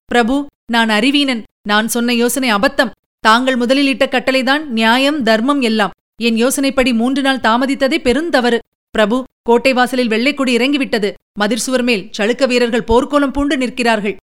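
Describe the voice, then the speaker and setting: A woman's voice: fairly high pitch, fairly even intonation, moderate pace, close to an everyday voice. A woman voicing an earnest male army general in an audiobook, delivering pressing reports. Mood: urgent. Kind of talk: audiobook character reading.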